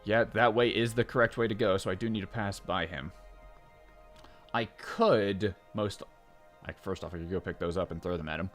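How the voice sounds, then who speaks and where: A man casually commenting on his gameplay in a rambling way, full of fillers and self-interruptions, jumping up in pitch when excited. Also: moderate pace, soft background music. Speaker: let's play gamer.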